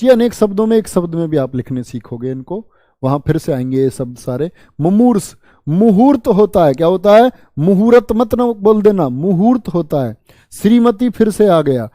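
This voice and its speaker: A man's voice: high-pitched, animated, moderate pace, mellow, no echo, studio quality. A man with a north Indian Hindi accent teaching an exam-prep lesson online, drilling word spellings, repeating each word and quizzing his students in a chummy way. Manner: chummy, calls students bhaiya and bachcha.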